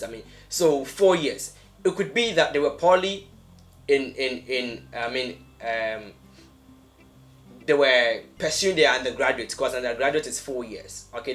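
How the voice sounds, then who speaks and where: A man's voice: mid-range voice, a bit bright. A young Ghanaian-accented man hosting a podcast in a casual, conversational way, often repeating phrases for emphasis. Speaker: podcast host.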